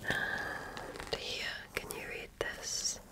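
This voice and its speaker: Breathy whispering from a woman in the role of an examiner carries this ASMR roleplay. She is gentle, deliberate and patient, delivering soft-spoken personal attention.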